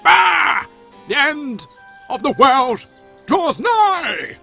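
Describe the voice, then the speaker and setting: Man voicing a crazed peasant woman in a game, shrill doom-crying rant. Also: big pitch swings, very slow, creaky, bright, forceful tone, soft background music, exaggerated voice.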